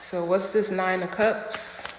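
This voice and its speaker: A woman's voice: fairly low pitch, fairly even intonation, takes it slowly. Emphatic woman giving a tarot reading. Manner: emphatic, repeats phrases, slangy direct address. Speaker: tarot reader. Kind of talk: casual livestream tarot reading. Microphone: phone livestream. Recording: echoey room with long reverb, faint noise.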